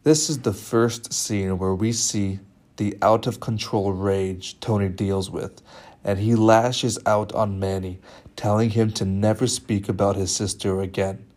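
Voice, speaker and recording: A young man presenting a media studies film analysis in a measured, slightly halting way. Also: fairly low pitch, steady tone, a little mellow.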